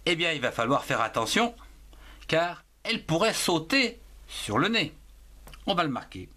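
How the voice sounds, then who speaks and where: A man's voice: fairly high pitch, sing-song, pushed and bright. A man teaching young children to write, spelling words letter by letter and sounding out each syllable. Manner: slow and deliberate, breaks words into syllables. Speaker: primary school French teacher. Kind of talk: slow dictation lesson, spelling words aloud letter by letter.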